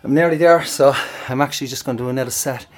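A breathless, sweaty man chats casually while working out, rambling and laughing often between sets. He's an online audio creator with a mid-range voice and a fast way of talking.

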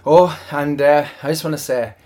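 Here an online audio creator talks casually through his workout in loose, rambling bursts, as though addressing regular listeners. Sweaty and out of breath, he breathes hard between phrases and laughs a lot. His voice is a little high and a little mellow, with a steady tone and moderate pace.

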